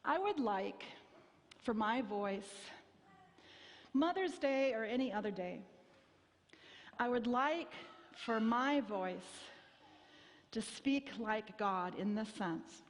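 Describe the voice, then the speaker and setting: A woman's voice: fairly high pitch, expressive. A middle-aged woman pastor giving an earnest sermon in a church, sometimes quoting others as she speaks. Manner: slow, earnest preaching with quoted speech. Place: church sanctuary. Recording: long reverb of a church hall.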